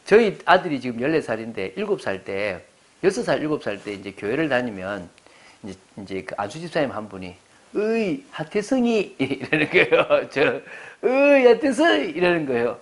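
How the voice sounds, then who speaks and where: A man's voice: medium pitch, sing-song, fairly quick. A man in his forties, a pastor preaching a sermon at a church service. He explains his points conversationally and keeps putting rhetorical questions to the congregation.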